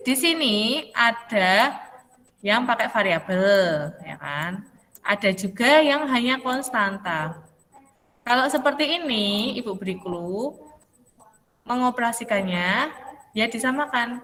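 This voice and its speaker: A woman's voice: fairly high pitch, sharp tone. Patient teacher woman in a reverberant room. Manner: patient, questioning, calls students by name. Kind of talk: online math class.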